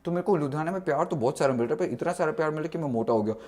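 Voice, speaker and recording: A young man talking casually in a vlog, animated, mixing Hindi and English and acting out quotes. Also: fairly high pitch, very fast. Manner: animated, mixes Hindi and English, exaggerated quoting. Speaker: vlogger.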